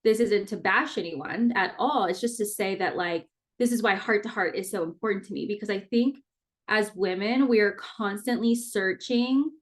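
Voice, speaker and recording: A woman's voice: mid-range voice, moderate pace. An earnest woman in her thirties speaks into a podcast microphone, candid and heartfelt. Her talk is casual and personal, loose with fillers, now and then a mild swear. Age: 30s. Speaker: podcast host.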